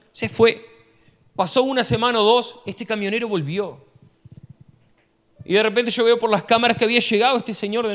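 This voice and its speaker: High-voiced pastor preaching in a reverberant hall. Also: male voice. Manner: animated preaching, rhetorical questions and "amén". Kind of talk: sermon. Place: church hall. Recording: long church-hall reverb.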